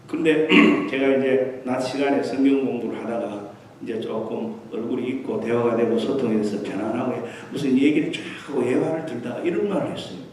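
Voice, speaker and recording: A middle-aged guest revival pastor tells anecdotes during a storytelling sermon, mixing in English terms. His voice is mid-range and dark. It is captured from far off in an echoey church sanctuary, with a little hiss or hum.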